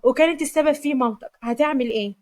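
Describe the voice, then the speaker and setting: Woman doing a young egyptian wife, proud, won't forgive, quick talk. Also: sits high, no echo, studio quality, natural voice. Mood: teasing. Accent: Egyptian Arabic.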